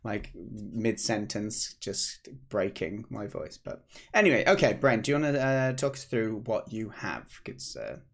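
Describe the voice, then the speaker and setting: A British man in his thirties, a game developer, hosts a casual devlog stream from his home office desk mic. His lowish, slightly hoarse voice is sing-song and fairly bright in tone, and he takes his time. He chats and rambles, restarting often.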